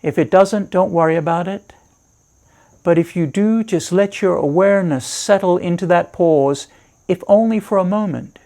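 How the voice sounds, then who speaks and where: With a warm voice that sits high, a man guides a meditation as its teacher. He gives calm, reassuring directions, pausing deliberately between them.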